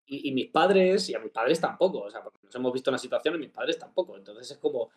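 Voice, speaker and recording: A man's voice: mid-range voice, quick pace. A man chatting casually as a podcast co-host, retelling a story with jokes. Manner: storytelling, jokey, animated retelling of a phone call. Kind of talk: casual chat.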